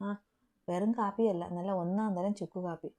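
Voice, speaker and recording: A woman voicing a caring, bossy young husband in a romantic audio story, gruffly teasing and affectionate. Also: medium pitch, steady tone, moderate pace, warm tone, lightly acted.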